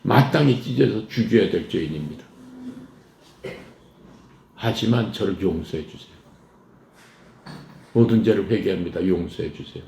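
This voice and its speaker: A man's voice: lowish voice, creaky, dark tone. A man preaching a sermon who keeps asking the congregation questions and answering them himself. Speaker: pastor. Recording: echoey room with faint noise.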